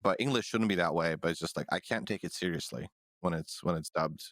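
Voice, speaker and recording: Low-voiced man. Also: a little fast, a bit bright, no room sound, clean studio sound. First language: Dutch. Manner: blunt, stammering, laughing asides. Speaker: podcast co-host. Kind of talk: casual chat.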